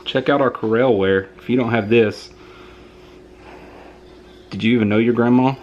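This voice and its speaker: A Southern American man gives a rambling, joking food review at home. His voice sits at an everyday pitch. A faint hiss runs under it. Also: moderate pace, a little mellow, lo-fi sound.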